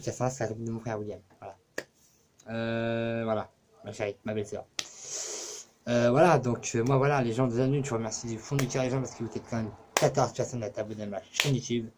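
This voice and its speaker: A man's voice: mid-range voice, fairly even intonation, fairly quick, noisy background. A man talking casually to his camera for his own channel, rambling and cursing with many fillers. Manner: rambling, profane, full of fillers. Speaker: YouTuber.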